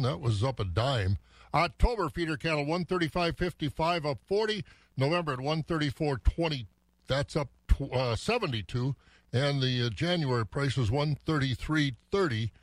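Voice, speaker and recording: A man's voice: fairly high pitch, no room sound. Folksy male farm radio host. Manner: folksy, easygoing, frequent "uh" fillers. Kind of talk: morning farm market report. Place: radio studio. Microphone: studio mic.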